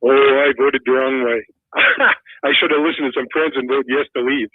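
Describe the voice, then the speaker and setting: A man's voice: mid-range voice, steady tone, moderate pace, dry recording. An older man from Quebec calling in to a radio show, talking in an earnest, personal way. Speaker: caller. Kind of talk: phone-in caller. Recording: tinny phone line.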